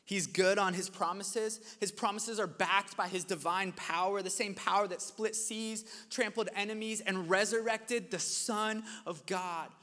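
A young man delivers a sermon in a relaxed, storytelling manner. His voice sits high and sounds bright and forceful. The long reverb of a church hall trails after each phrase. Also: a little slow, hardly any pauses. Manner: conversational, animated storytelling preacher. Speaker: pastor. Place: church hall with live audience.

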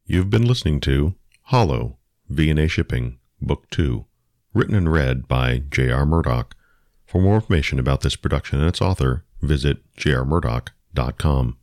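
A man reading the closing credits of an audiobook in a calm, thankful manner. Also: rumbling low, moderate pace, no room sound, studio quality. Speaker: audiobook narrator.

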